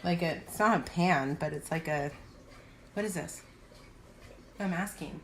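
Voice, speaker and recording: A woman's voice: low voice, a little slow, background noise. A tipsy woman giving a loose, rambling cooking vlog, thinking aloud in a casual way. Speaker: home cook hosting a cooking video. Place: home kitchen.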